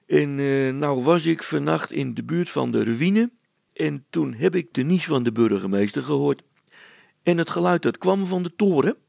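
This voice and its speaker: A man voicing an eager young village man who tells his story in a breathless, excited rush. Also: a little high, moderate pace, creaky, no echo, pitched above the performer's own voice, full character voice.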